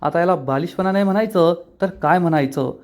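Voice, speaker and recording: A man voicing a defiant, sharp-tongued young woman as he retells a TV episode. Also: high-pitched, brisk.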